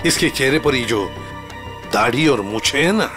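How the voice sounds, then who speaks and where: An actor playing a senior police officer who gives orders in a TV crime drama. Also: male voice, mid-range voice, expressive, normal speed, over music, natural voice. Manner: commanding, giving orders.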